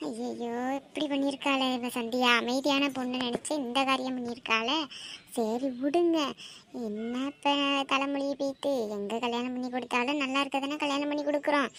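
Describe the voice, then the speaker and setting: A woman's voice: sits high, steady tone, a little fast, fairly bright tone, slight background noise. A woman as a practical, reassuring neighbor woman. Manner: reassuring, matter-of-fact advice. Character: middle-aged neighbor woman Lakshmi, practical advisor.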